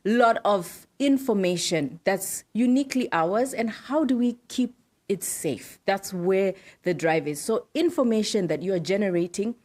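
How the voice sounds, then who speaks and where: A middle-aged woman from Zimbabwe, a podcast guest explaining her work in a relaxed interview, often affirming with "right" and "yes". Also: mid-range voice, a little slow. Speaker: podcast guest, data protection officer. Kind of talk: casual interview talk.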